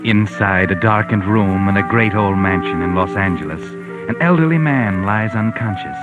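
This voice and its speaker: An actor playing a sinister, all-knowing storyteller in a theatrical, deliberate 1940s radio mystery style. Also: male voice, fairly low pitch, lightly acted. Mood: grave, suspenseful. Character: sinister omniscient male narrator who walks by night. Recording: muffled vintage 1940s radio recording. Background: music.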